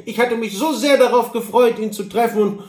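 A man's voice: very high-pitched, fairly quick, a little mellow, reverberant, far from the mic, voice pushed up. A man voicing a fussy, sorrowful cantor who frets and stammers. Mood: regretful. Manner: fretful, stammering.

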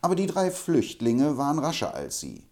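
A man narrating an audiobook in a low, measured storytelling manner. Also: wildly swooping pitch, mellow.

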